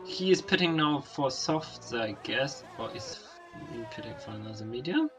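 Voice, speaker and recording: A young man co-commentating a sim-racing league race, hesitant and searching for words, then bursting into excitement at overtakes. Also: mid-range voice, normal speed. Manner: excitable, hesitant, bursts of enthusiasm at overtakes, non-native phrasing.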